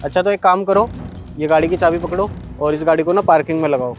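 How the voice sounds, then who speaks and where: A man's voice: a little high, quick pace. A man acting a suspicious husband who questions and accuses his wife. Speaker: husband in a short drama. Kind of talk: scripted short-video drama acting. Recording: faint background music.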